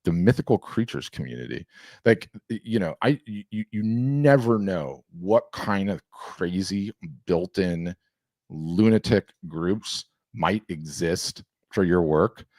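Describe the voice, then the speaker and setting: A man casually demonstrating a software tool, enthusiastic and rambling, often restarting his sentences. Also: low voice, expressive, slow, no room sound, clean studio sound. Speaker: software demo host. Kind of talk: casual screen-share demo.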